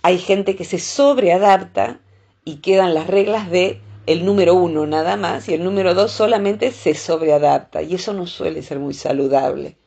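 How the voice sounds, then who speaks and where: A woman psychologist with a Rioplatense accent explains human relationships in a reflective, conversational way. Her voice sits somewhat low and carries a breathy, husky edge. She pauses often with small fillers as she gathers her thoughts. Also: dark tone, lo-fi sound. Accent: Rioplatense Spanish. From Argentina. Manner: thoughtful, explaining with frequent hesitations.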